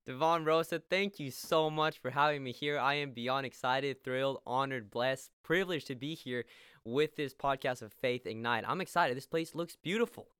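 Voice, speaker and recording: A man's voice: mid-range voice, normal speed, a bit bright, smooth, dry recording, clean studio sound. A man in his late twenties from Peru, a podcast guest sharing his faith testimony with earnest enthusiasm and often repeating words when stuck.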